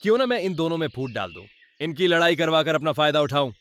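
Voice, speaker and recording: A man's voice: on the high side, animated, fast, a bit bright. A man voicing a cunning, vengeful male wolf in a cartoon, talking in a scheming, menacing way.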